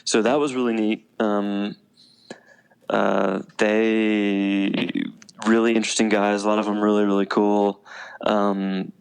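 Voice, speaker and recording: A man's creaky yet clear and resonant voice sits on the low side and moves at a slow pace. In his thirties, he's a veteran and teacher guesting on a podcast, telling stories casually with lots of laughs and fillers.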